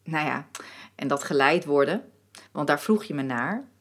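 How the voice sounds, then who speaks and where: A dreamy muse stepped out of a painting , voiced by a woman narrator. Her low, breathy voice drifts slowly, swooping up and down in lively melodies. She sounds wistful and softly mystical. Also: exaggerated voice. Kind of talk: storytelling narration.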